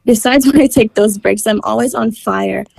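A woman's voice: on the high side, moderate pace, vocal fry, a little mellow, breathy edge, no echo. A woman guest on a wellness podcast, talking upbeat and enthusiastic about fitness in a conversational interview. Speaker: guest, fitness content creator.

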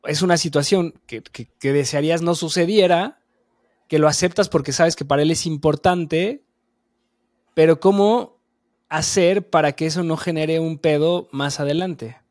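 A man's voice: on the high side, normal speed, darkish tone, dry recording, clean studio sound. A man in casual chat, asking long, searching questions with many restarts.

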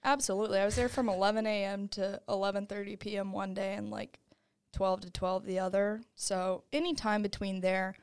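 A woman's voice: mid-range voice, brisk, clean tone, dry recording. Young woman, podcast co-host, chatty storytelling, dry close sound. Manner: chatty, animated storytelling with many "like"s. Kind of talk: casual chat.

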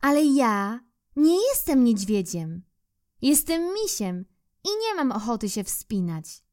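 A gentle, hesitant little teddy bear who would rather not climb, speaking softly and unsurely in a lifted, lilting voice, as a woman reads him in a storybook. He talks slowly, stretching his words. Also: fairly high pitch, big pitch swings, pitched above the performer's own voice. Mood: reluctant. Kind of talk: storybook reading for children.

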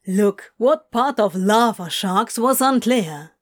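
A sleepy demon husband who grumbles in a slow, dragging drawl, as a woman puts him on. The voice sits lower and plainer than the reader's other figure, with a lazy, put-upon tone in this storybook reading. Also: lively intonation. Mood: insistent.

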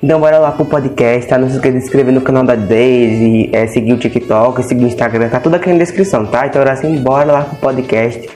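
A man with a Brazilian Portuguese accent hosts a casual podcast in a loose, chatty way. He keeps tagging his sentences with quick checks to the audience. Faint music plays underneath. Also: mid-range voice, fairly even intonation, dark tone. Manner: chatty, repeats "tá?" often. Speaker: podcast host.

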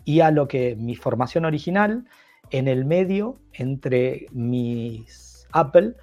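Here a middle-aged man from Brazil talks slowly and expressively in Portuguese, his mid-range voice mellow. As a podcast guest in a casual interview he's enthusiastic, meandering, and prone to restarting sentences. The recording sounds muffled, with soft music in the background.

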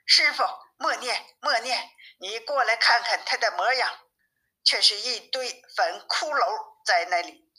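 Woman reading as a cocky monkey king, bright and forceful, storybook hero. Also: a little high, a little slow, rough recording. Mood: urgent. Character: bold, brash male monkey king.

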